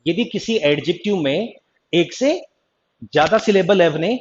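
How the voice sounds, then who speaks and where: A man's voice: high-pitched, animated, moderate pace. A male teacher runs a live online grammar class in a slightly raised voice. He keeps teasing his students and calling them back to attention. The audio sounds dull and lo-fi. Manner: teasing, chatty, keeps repeating "ध्यान देना" and "ठीक है जी". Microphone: online class stream mic.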